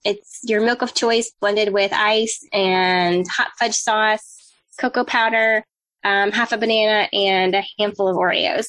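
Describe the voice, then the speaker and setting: A woman's voice: medium pitch, fairly even intonation, unhurried, a bit bright, no echo, low-quality recording. Giggly woman with a Southern accent. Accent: Southern American. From Eastern North Carolina. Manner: giggly, cheerful, laughs often. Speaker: podcast co-host. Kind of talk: casual chat.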